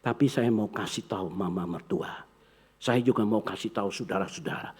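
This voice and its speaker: A male pastor, telling a story in his sermon and acting out the characters' voices with big swings in pitch. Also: fairly quick, darkish tone, breathy edge. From Indonesia.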